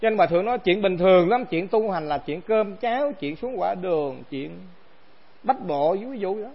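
A monk gives a dharma talk in a high, light voice. He keeps it conversational and keeps throwing rhetorical questions at his listeners. The recording is dull and lo-fi. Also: animated, moderate pace, vocal fry. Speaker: monk teacher.

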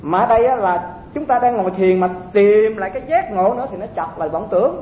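A man's voice: animated, fast. A man giving a dharma talk to monks, in a conversational way with rhetorical questions. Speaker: Buddhist teacher addressing monks. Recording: echoey, phone-like sound with faint rumble.

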